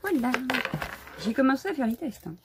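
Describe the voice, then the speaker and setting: A woman's voice: high-pitched, big pitch swings, fairly quick, a little hiss or hum. A woman hosting a casual live crafting stream from home, chatty and a bit scattered, greeting viewers as she shows her supplies. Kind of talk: casual live unboxing chat.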